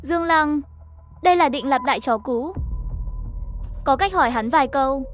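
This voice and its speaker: A woman with a high voice narrates an animated horror story recap from a script, performing both the narration and every line of dialogue herself. She reads at a moderate pace, and there's a slight hiss or hum.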